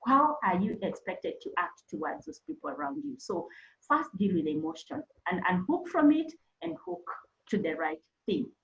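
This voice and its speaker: A woman's voice: a little high, very animated, normal speed, creaky, a bit bright, reverberant, lo-fi sound. A woman speaking as a counselor, earnestly advising teachers and repeating points for emphasis. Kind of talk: webinar talk to teachers.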